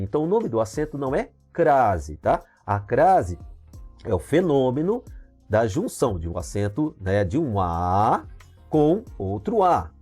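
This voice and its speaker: A man with a Brazilian Portuguese accent teaching a grammar lesson, explaining step by step and often checking in with "tá?" and "ok?". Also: mid-range voice. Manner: lively explaining with many "tá?" and "ok?" checks. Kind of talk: recorded video lesson.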